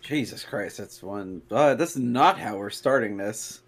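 A man's voice: on the low side, animated, measured pace, breathy edge. A man co-hosting a podcast, giving laid-back, dry reactions in casual chat. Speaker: podcast co-host.

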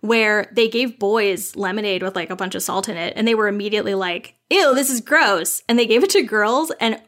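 A young woman co-hosting a casual podcast, talking through a book she loved in an animated way, full of "like" and acted-out quotes. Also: a little fast. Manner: animated, lots of "like", acts out quotes with high lively pitch. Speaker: podcast co-host. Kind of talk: casual book-recommendation chat.

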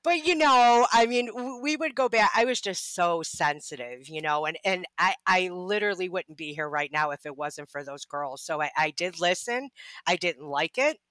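A woman's voice: lowish voice, lively intonation, normal speed, a bit bright, dry recording, rough recording. A woman guest on a podcast, telling her life story candidly, with swearing and frequent laughs. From Ohio. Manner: candid and profane, laughs often.

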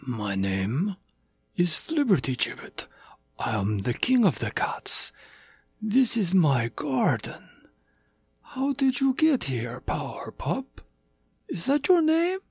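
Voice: mid-range voice, wildly swooping pitch, takes it slowly, gravelly, pauses often, a little mellow, slightly rough, dry recording, pitched above the performer's own voice, full character voice. A storyteller playing a formal tiger king. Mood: patient. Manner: formal, polite speech without contractions. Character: male tiger cat king, patient and formal.

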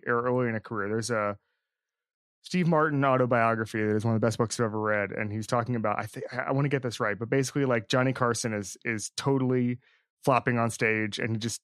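A man's voice: mid-range voice, a bit bright, dry recording. Rambling male podcast host, dry sound. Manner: rambling, frequent restarts and asides. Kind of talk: casual sports chat.

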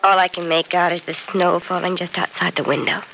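An actress playing an anxious, hopeful young woman patient in a 1940s radio drama, speaking softly and earnestly. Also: lowish voice, little pitch movement, brisk, creaky, slight background noise, low-quality recording. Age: young adult. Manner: soft, earnest, nervous.

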